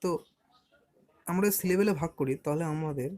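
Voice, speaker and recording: A man teaching a beginner language lesson, patiently explaining, spelling words out letter by letter and slowly stretching syllables. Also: a little high, animated, darkish tone. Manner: patient, explanatory, asks and answers his own questions.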